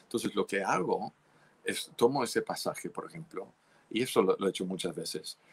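Deep-voiced earnest preacher man. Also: lively intonation, normal speed, slightly rough. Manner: earnest, exhorting, frequent restarts. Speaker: pastor. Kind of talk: sermon teaching.

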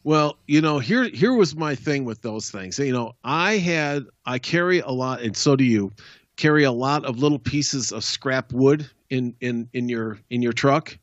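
A man's voice: medium pitch, unhurried, dry recording, highs cut off. Easygoing male home-repair show host. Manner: easygoing, rambling with fillers. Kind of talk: casual chat.

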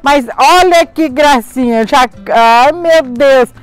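A woman's voice: sits high, slow. A Brazilian woman vlogging outdoors on a farm, talking chattily to the camera, exclaiming and laughing often. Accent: Brazilian Portuguese. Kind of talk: casual vlog narration. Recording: music playing under the voice.

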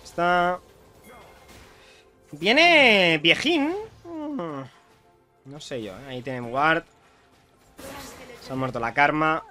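A young man from Spain with a Spanish accent, chatting excitedly to viewers while commentating his own gameplay. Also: on the high side, slow, pauses often, soft background music. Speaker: streamer playing a video game.

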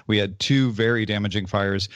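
A man's voice: on the low side, steady tone, moderate pace, no room sound. A man from Illinois co-hosting a casual podcast, easygoing and wry. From Illinois, USA. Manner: easygoing, wry, chuckles often. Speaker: co-host.

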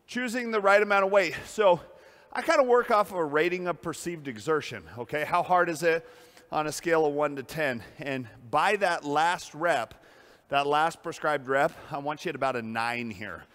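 A man's voice: on the high side, normal speed, a bit bright, in a large hall. A man coaching a workout as a personal trainer, upbeat and out of breath between sets, in a gym. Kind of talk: workout coaching while lifting.

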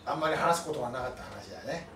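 A man's voice: on the high side, rapid-fire, a crowd in the background. A man who is a comedian, leading a casual planning meeting, joking and laughing often. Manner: leads the talk, laughs often, jokey. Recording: roomy sound from a distant mic with music. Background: background music.

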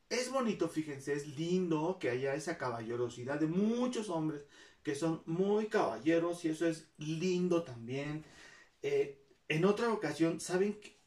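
A woman's voice: deep voice, animated, unhurried, a little mellow, recorded from a distance. A woman with a Mexican accent telling personal stories to her viewers in a chatty way, acting out the people she quotes. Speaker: vlogger. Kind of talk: casual storytelling to viewers. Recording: roomy, mic set back.

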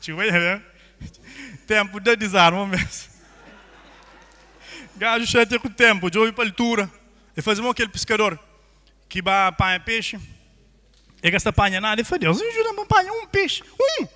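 Cape Verdean man telling jokes on stage. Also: high-pitched. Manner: lively joke-telling. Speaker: stand-up comedian. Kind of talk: stand-up storytelling. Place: stage in a theatre. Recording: long hall reverb.

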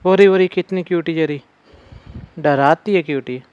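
A young man giving frightened, excitable commentary while playing a horror game, calling out to his viewers. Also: fairly high pitch, moderate pace, highs cut off. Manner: jumpy, scared exclamations, talks to viewers as brothers. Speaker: gaming YouTuber.

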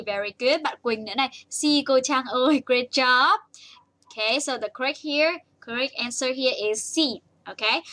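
A young woman with a Vietnamese accent teaches English to small children on a live stream, reading comments and praising them in a bouncy way. Her voice sits a little high and rings bright. She slows way down for English words and rushes through the Vietnamese. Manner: bouncy, praising, switches between slow English and rapid Vietnamese.

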